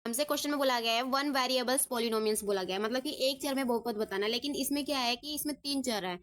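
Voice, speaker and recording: ऊँची आवाज़ वाली धैर्यवान महिला शिक्षिका. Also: female voice, high voice, quick pace, fairly bright tone. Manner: patient, asks and answers her own questions, says ठीक है often. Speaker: maths teacher. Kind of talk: step-by-step lesson.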